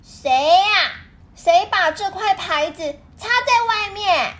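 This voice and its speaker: A woman plays a hot-tempered, bossy storybook girl for a toddler's read-aloud. The voice is high and swoops dramatically, indignant and demanding in delivery. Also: lively intonation, takes it slowly, a bit bright, full character voice. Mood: angry, bossy. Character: bossy, sore-loser female storybook character, easily angered.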